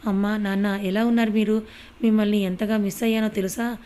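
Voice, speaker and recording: Audio story: lively young woman who coaxes and pleads, played by a woman. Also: mid-range voice, brisk, smooth, lightly acted. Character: young woman employee, cheerful and affectionate daughter.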